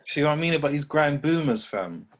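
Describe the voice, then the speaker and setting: A man's voice: on the high side, expressive, fairly quick, a little hiss or hum. A man talking casually about music, opinionated and full of slang. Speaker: radio station operator on a podcast.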